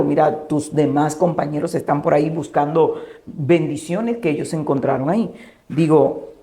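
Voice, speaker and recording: A woman pastor, giving an emotional personal testimony and softly acting out the dialogue she recounts. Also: fairly low pitch. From Dominican Republic. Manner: storytelling, acting out quoted dialogue in a hushed voice.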